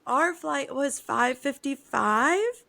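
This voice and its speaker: A woman co-hosting a podcast in casual chat, hoarse and losing her voice, chatty and teasing. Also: high-pitched, lively intonation, slow pace, pushed and bright, dry recording. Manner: chatty, teasing, laughs often. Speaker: podcast co-host.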